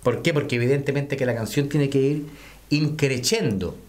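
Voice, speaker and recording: A man's voice: medium pitch, normal speed, darkish tone. Man coaching singing technique. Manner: addresses viewers as friends, sings short demonstrations. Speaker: vocal coach.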